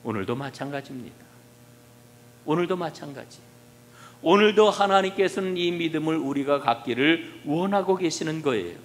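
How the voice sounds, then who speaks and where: Korean pastor preaching in a reverberant church. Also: male voice, fairly high pitch, expressive, moderate pace. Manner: asks the congregation rhetorical questions, swings between soft and loud emphasis. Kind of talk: sermon. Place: church sanctuary. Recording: long reverb of a church hall.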